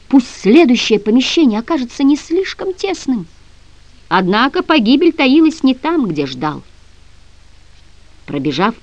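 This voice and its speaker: A woman narrating an audiobook dramatically, with sharp swings between loud and hushed passages. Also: on the high side, no room sound. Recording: dry, slightly dull audio.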